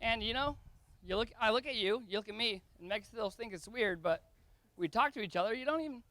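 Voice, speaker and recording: A young man with a high, bright voice gives a wedding toast for his brother. He is tearful and rambles a little, laughing between his lines. The sound is close and dry. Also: expressive, a little fast, dry recording. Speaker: brother of the groom giving a toast.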